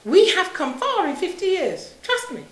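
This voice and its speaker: A middle-aged woman from Saint Kitts speaks publicly with passion and emphasis. Her voice sits high, and she drives points home through repetition and rhetorical questions. The room adds a noticeable echo. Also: big pitch swings, normal speed. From Saint Kitts in the Caribbean, moved to England aged seven. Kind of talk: impassioned public talk. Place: indoor room, speaking to an audience. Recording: roomy, echoing live talk.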